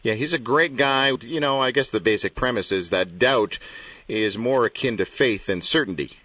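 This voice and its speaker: A man's voice: mid-range voice, moderate pace, bright, forceful tone, slightly rough, no echo, distant mic. A man from Canada, hosting a radio interview in a casual, easygoing way. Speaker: radio host. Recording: dry lo-fi radio sound, off-mic.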